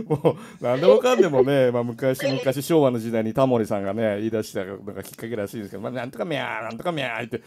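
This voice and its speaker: Gravelly-voiced chatty radio host man. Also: mid-range voice, fast talker, few pauses, mellow. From Nagoya area, Japan. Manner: chatty, tags sentences with "ne". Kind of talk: casual radio chat. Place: radio studio.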